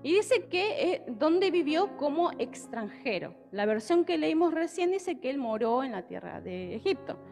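Speaking into a handheld mic in an indoor church hall with a stage, a young Argentine woman delivers a sermon with Bible reading in Argentine Spanish. Her high voice rises and falls, a little slow with vocal fry and few pauses, and she's lively and conversational, frequently checking with her listeners. The long reverb of the hall surrounds her, with soft music faintly behind.

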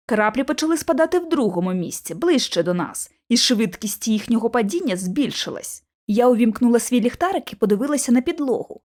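A woman narrating an audiobook in a clear, expressive way, her voice slightly higher than most. She tells the story steadily, shaping each scene with care. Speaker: audiobook reader.

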